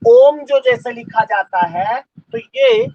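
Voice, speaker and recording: A male teacher giving a live online class, dictating slowly and repeating phrases for students to write down. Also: extremely high pitch, wildly swooping pitch, gravelly, no echo. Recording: dull lo-fi audio.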